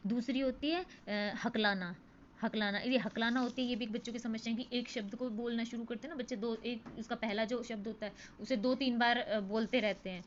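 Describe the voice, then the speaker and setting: A woman's voice: a little high, fairly even intonation, brisk, highs cut off, a little hiss or hum. A woman tutor giving an exam-prep lecture. She explains at length, with many fillers and repeated words.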